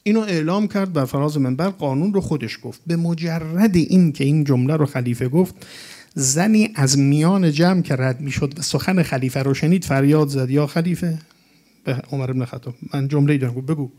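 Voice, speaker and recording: Emphatic male preacher, higher voice. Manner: emphatic, rising to animated peaks with Arabic quotations. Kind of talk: religious lecture to a gathering.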